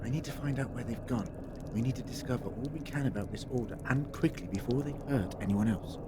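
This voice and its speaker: A man's voice: medium pitch, quick pace, close to an everyday voice. A man playing a wry, eccentric alien adventurer in an audio drama, with a theatrical, wordy delivery. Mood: urgent. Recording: noisy mix with effects and ambience.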